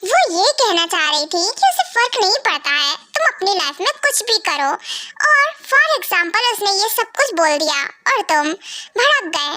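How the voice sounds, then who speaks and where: A woman's voice: extremely high pitch, sing-song, measured pace, bright, forceful tone, no echo, exaggerated voice. A woman playing a mother who teases and scolds her vampire son in a fan audio drama. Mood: advising. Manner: teasing, scolding.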